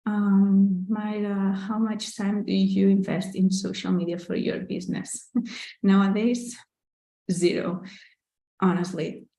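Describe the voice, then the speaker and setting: Reading out questions from viewers during a relaxed live Q&A, an artist and business owner chats candidly, sprinkling in "like," "you know," and little laughs; she's a native Catalan speaker with that accent. She speaks slowly in a mid-range, gravelly, mellow voice with little pitch movement, and the recording is roomy and poor in quality.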